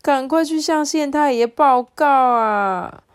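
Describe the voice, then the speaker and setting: Woman playing a terrified official-turned-carp, high, desperate yelling, storybook reading. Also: a little slow. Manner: desperate shouting. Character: frantic male official turned carp, pleading for life.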